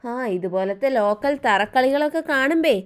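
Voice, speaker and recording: A sly, teasing young man, as a woman narrator puts him on, needling his brother-in-law in a lifted, smooth voice. He mocks with an easy, knowing tone. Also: high-pitched, lively intonation, normal speed. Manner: mocking, needling.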